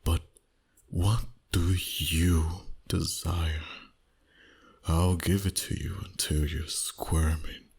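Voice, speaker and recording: Low-voiced with fairly even intonation, a man fully inhabits the character of a dominant, seductive vampire boss for an intimate ASMR roleplay. He speaks breathily and huskily, frequently whispering and teasing at a slow pace.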